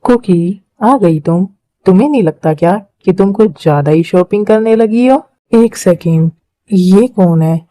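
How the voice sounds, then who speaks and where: A woman's voice: mid-range voice, unhurried, warm tone, no echo, close to an everyday voice, low-quality recording. A woman voicing a stern, protective older brother in a fan-made dubbed drama. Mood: teasing. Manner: scolding, protective.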